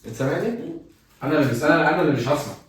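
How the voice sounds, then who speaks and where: A young man with an Egyptian Arabic accent hosting a casual challenge video, talking loudly and half-shouting his instructions. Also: on the high side, rapid-fire. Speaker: YouTuber host. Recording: echoey room, far from mic, music behind.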